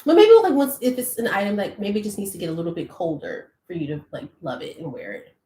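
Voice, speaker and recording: A woman's voice: medium pitch, very animated, quick pace, dark tone, echoey room, a little hiss or hum. A woman co-hosting a live chat, asking questions and laughing a lot. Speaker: co-host of a live chat show. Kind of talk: casual chat.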